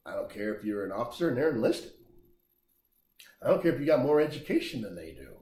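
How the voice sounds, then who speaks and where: A man preaching a sermon, emphatic and animated, rising and dropping his voice for effect. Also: medium pitch, echoey room. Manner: animated, emphatic preaching with big swings in loudness.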